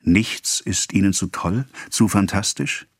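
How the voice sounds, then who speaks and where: A man voicing a brooding male seducer, speaking low and hushed in an audiobook reading. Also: a little slow, husky, dry recording, clean studio sound. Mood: intimate.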